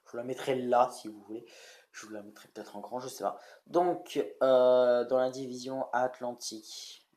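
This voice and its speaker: A man's voice: mid-range voice, steady tone, normal speed, mellow. Rambling young man vlogging with fillers. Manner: rambling, many fillers, reads from notes. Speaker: YouTuber. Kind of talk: casual chatty vlog explainer.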